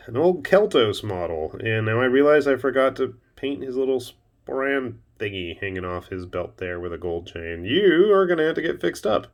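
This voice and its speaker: Man, lowish voice, chatty, wry, casual show-and-tell host. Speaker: miniature painting channel host.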